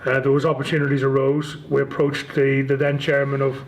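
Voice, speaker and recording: Here a Northern Irish man in his forties, who runs a rugby league club as chief executive, is an interview guest giving casual answers with hesitant, stop-start phrasing. His mid-range voice is monotone and a little fast. There is slight background noise.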